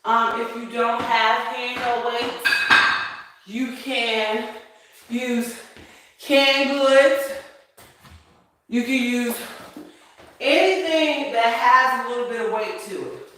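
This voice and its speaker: A woman's voice: a little high, fairly even intonation, slow, long pauses, a bit bright, slight background noise. A middle-aged woman leading a casual home workout while exercising, counting reps aloud and coaching informally with effort in her voice. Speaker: workout host. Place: echoey room at home. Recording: very echoey room, distant mic.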